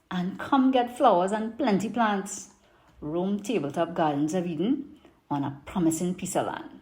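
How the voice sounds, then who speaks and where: A woman's voice: medium pitch, a little mellow. A woman with a Caribbean accent from Trinidad, performing a rhythmic spoken-word poem in Creole in a theatrical way. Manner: theatrical, rhythmic rhyming delivery. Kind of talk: expressive spoken-word poetry recital in Creole.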